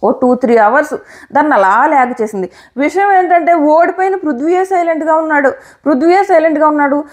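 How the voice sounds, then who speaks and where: Woman, high voice, opinionated show recap, animated delivery. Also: brisk. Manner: animated, opinionated retelling with quoted lines. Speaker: reality show reviewer. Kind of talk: casual commentary.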